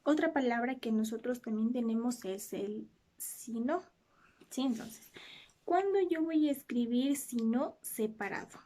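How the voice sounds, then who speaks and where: A woman teacher explaining a language lesson to her students, often checking understanding with a quick "¿sí?". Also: fairly high pitch, warm tone. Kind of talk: classroom lesson.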